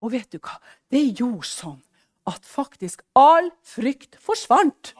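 A middle-aged woman preaches a fervent sermon in a fairly high voice. She moves between hushed, close passages and loud, rising exclamations. She acts out the prayers and conversations she retells. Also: sing-song. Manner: acts out quoted prayers and dialogue.

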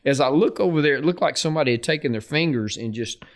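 Middle-aged man spinning a lively coaching yarn. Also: a little high, fast. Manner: lively anecdote, acts out quoted voices with laughter. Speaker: football coach guest. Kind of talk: casual storytelling.

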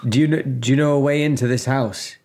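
A man's voice: mid-range voice, fairly even intonation, a little fast, a little mellow, slight background noise. A man as a tabletop game player, speaking in character hesitantly, with stops and restarts. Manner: hesitant, many fillers and restarts. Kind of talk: tabletop role-play in character.

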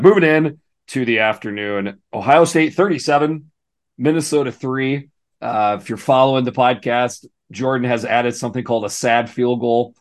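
A man co-hosting a casual sports podcast, hoarse and gravelly today, talking in a relaxed, rambling way with frequent restarts. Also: medium pitch. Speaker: co-host.

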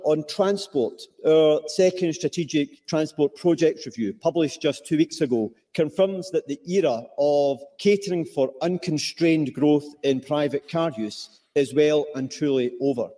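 A man's voice: fairly high pitch, measured pace, few pauses, mellow. Broad Scottish man in an echoey chamber. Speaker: government politician. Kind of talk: formal parliamentary speech, read out. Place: large parliament chamber. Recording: echoey parliament chamber, played from video.

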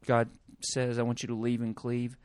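A man co-hosting a podcast, chatting casually and loosely, often pausing on fillers as he thinks aloud. His voice sits at an ordinary pitch and sounds close and dry, with no room around it. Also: clean tone, dry recording. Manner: relaxed, hesitant with many fillers. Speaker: podcast co-host. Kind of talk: casual chat.

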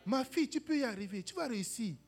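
A woman's voice: a little high, fast, breathy edge. A woman preaching a sermon, calling to the congregation and acting out the voices of people in her stories. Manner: animated, calls for "Amen" and "Alléluia", acts out quoted voices.

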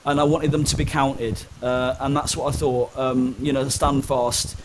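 A young man, appearing as a guest in an interview, candidly tells personal stories in a conversational way. His mid-range voice moves little in pitch and keeps a measured pace, though he is hesitant, with many ums and restarts. Background noise is audible.

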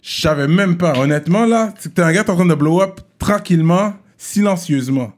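A man with a Québécois French accent hosting a casual interview. He talks with lively energy, hypes up his guest, and slips English slang into his speech. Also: high-pitched, a little fast. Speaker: podcast host.

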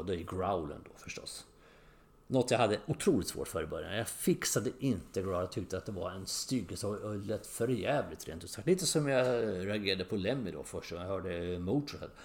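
A middle-aged man talks on his own in a loose, chatty podcast monologue, stopping often on fillers. His voice sits fairly low with a gravelly rasp. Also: darkish tone. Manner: chatty, rambling, many fillers. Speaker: podcast host. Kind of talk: casual monologue.

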